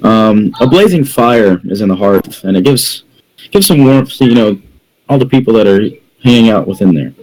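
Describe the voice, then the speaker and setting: A man's voice: on the low side, animated, moderate pace, a little mellow, slight background noise, poor audio. Guy running a tabletop game, rambly, keeps restarting his sentences. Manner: rambling, many fillers and restarts. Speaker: game master.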